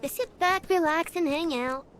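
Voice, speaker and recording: A woman's voice: extremely high pitch, normal speed, fairly bright tone, slight background noise. A streamer in casual, rambling chat with many fillers, her voice run through an AI voice changer. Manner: rambling, chatty, frequent fillers.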